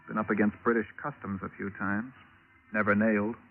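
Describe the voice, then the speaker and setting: Brief: low-voiced undercover agent, hushed, thin tinny radio sound. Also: male voice, little pitch movement, brisk, vocal fry, faint music behind. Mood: conspiratorial. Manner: low, conspiratorial. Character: cagey male undercover marine investigator. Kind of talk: 1940s radio acting.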